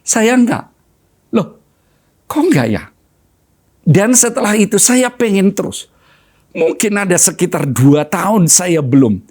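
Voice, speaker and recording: A middle-aged man preaches a sermon in a fairly high voice. His pitch leaps and falls widely as he talks. He preaches with an animated, swinging delivery. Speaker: pastor.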